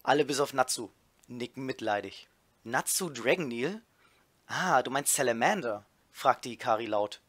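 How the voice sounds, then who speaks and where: A man reading a fanfiction aloud in a deadpan way, naming each character before their line and adding mocking comments. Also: medium pitch, normal speed, dry recording. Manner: reads character names as tags before lines, dry deadpan delivery. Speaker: reader of a fanfiction riff.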